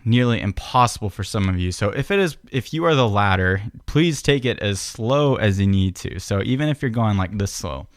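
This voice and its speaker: A man's voice: lowish voice, normal speed, few pauses, background noise. Laid-back man teaching piano beatbox. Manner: relaxed, patient, starts many sentences with "so". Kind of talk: casual step-by-step tutorial. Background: piano playing.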